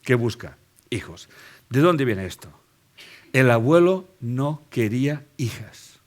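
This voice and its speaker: A man's voice: medium pitch, animated, slow, a little mellow. A man with a Spanish accent from Spain, giving a live lecture to an audience and driving his points home with rhetorical questions and tag checks.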